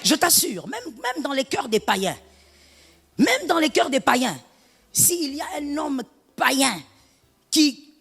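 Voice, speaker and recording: A middle-aged woman pastor delivering a sermon, animated and half-singing some phrases, breaking into shouts. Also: high-pitched, measured pace, vocal fry, pauses often, long reverb tail. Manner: animated preaching, lapsing into sung phrases and shouts.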